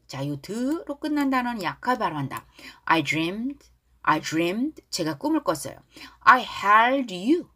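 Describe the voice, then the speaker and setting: A woman English teacher walks through song lyrics line by line. She stretches each phrase out slowly so it can be repeated. Her pitch swings up and down a lot as she explains. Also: a bit bright, husky. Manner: drawls lyric lines slowly for repetition, then explains quickly. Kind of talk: pronunciation lesson on song lyrics.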